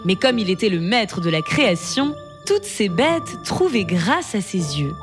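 Storyteller, female, expressive and lively, over background music. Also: medium pitch, unhurried. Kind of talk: storybook narration.

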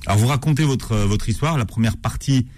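A man's voice: mid-range voice, fast, darkish tone. A man hosting a book show, interviewing a guest in a conversational way and asking leading questions. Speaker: host, interviewer.

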